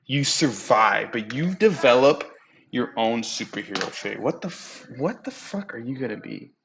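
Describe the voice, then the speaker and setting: Bright-voiced young man, casual and profane. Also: mid-range voice, big pitch swings, gravelly, slight background noise. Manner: loose and profane, quick to laugh. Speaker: podcast host. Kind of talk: casual chat. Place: home room.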